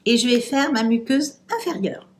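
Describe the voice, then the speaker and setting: A woman's voice: a little high, animated, moderate pace. A French woman chatting casually through a makeup tutorial, hesitant and trailing off with fillers as she works. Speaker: beauty vlogger.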